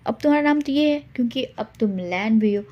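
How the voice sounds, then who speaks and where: A woman's voice: on the high side, animated, fairly quick, warm tone, lo-fi sound, close to an everyday voice. A woman voicing a teasing, dominant young man in a told-aloud story.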